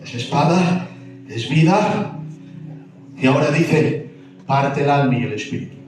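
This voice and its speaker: A man's voice: a little high, expressive, unhurried. A man from preaching a sermon, emphatic, repeating key phrases and asking the congregation questions. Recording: very echoey hall, distant mic, music behind.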